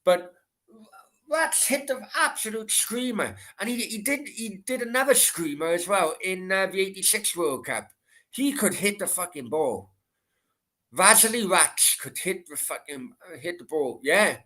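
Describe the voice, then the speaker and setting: A middle-aged man from Merthyr in south Wales hosts a casual late-night football Q and A livestream in a Welsh Valleys accent. He swears, rambles and repeats himself. His voice is high, animated and sharp, at an unhurried pace.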